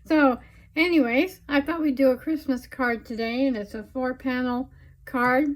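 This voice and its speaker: A woman's voice: high voice, fairly even intonation, moderate pace, poor audio. A woman hosting a casual, chatty craft tutorial, talking without her teeth in, so her words come out a little slurred, in a homely, rambling way. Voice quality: toothless, slightly slurred articulation. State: recovering from surgery affecting her speech.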